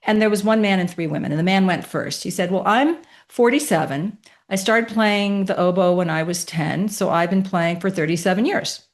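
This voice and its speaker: A woman's voice: medium pitch, moderate pace. Emphatic woman in her fifties telling stories. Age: 50s. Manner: emphatic, animated storytelling with rhetorical questions. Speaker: guest. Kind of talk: podcast interview storytelling.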